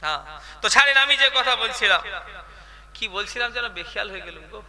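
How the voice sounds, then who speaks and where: High, bright-voiced preacher. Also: male voice, animated, a little fast, big-room sound. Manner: chatty, calls out questions to the crowd. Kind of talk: Bengali waz sermon.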